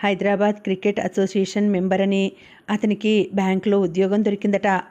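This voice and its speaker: A woman narrating a novel as an audiobook, reading in a steady, even way. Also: mid-range voice, brisk.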